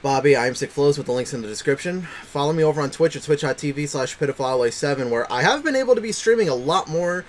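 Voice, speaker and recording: A man hosting a reaction video, talking in an easygoing, agreeable way and running through quick plugs at the close. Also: a little high, animated, a little hiss or hum. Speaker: host of a reaction channel. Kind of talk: casual chat and channel sign-off.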